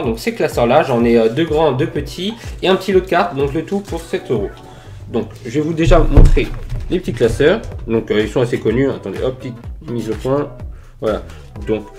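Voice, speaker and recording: A man's voice: medium pitch, darkish tone. Enthusiastic man showing off his finds. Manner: enthusiastic, many fillers and "voilà". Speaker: YouTuber showing flea-market finds. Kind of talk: casual collector vlog. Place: indoors under filming lamps. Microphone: desk microphone near camera.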